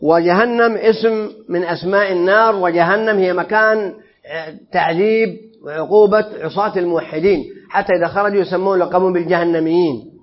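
A man teaching a religious creed lesson, explaining phrase by phrase and putting questions to his listeners. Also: sits high. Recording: dull lo-fi lesson recording.

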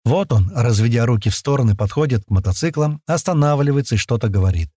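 A man narrating a first-person audiobook in a lively, slangy, conversational way. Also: mid-range voice, quick pace, no echo, clean studio sound.

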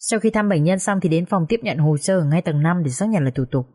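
A woman reading the part of an efficient hospital nurse in an audio story, giving brisk directions. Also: fairly low pitch, lively intonation, a little mellow, breathy edge.

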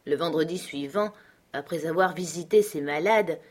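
Woman reading a classic novel, lowish voice. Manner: measured literary reading. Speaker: audiobook reader. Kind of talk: scripted narration.

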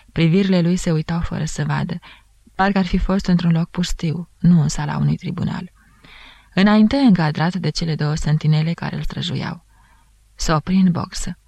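A woman narrating a novel aloud in a measured, even reading. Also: low-pitched, creaky, slightly rough, no echo. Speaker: audiobook narrator. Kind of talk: scripted literary narration.

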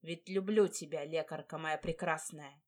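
Woman reading dark lord, brash, possessive, teasing, insistent, audiobook. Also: low-pitched, steady tone, moderate pace. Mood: earnest.

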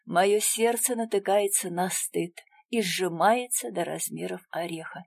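A woman's voice: on the low side, measured pace, vocal fry, a little mellow, dry recording, clean studio sound. Woman reading a tense first-person story. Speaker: audiobook narrator. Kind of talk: first-person audiobook narration.

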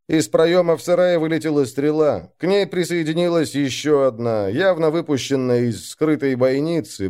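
A man with a medium-pitched, clean-toned voice narrates a dark first-person adventure story, slowing down and getting louder for the other characters' shouted lines.

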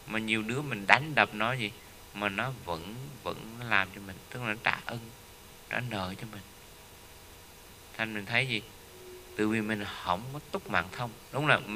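A man delivers a Buddhist teaching as a story. His voice is very bright and forward. A faint hiss of background noise sits under the recording. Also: mid-range voice. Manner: storytelling, with frequent rhetorical "right?" tags. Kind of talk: dharma talk.

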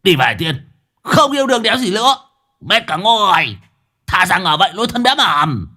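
A man's voice: high-pitched, big pitch swings, brisk, pushed and bright, voice pushed up, heavily acted. A man voicing a sly, roguish middle-aged exorcist who mumbles sheepishly and talks his way out of trouble. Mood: sulky.

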